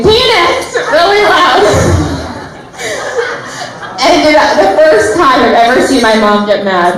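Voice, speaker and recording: A young woman, the maid of honor, giving a heartfelt, giggly wedding toast, close to tears at times. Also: a little high. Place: wedding reception hall. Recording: echoey reception hall.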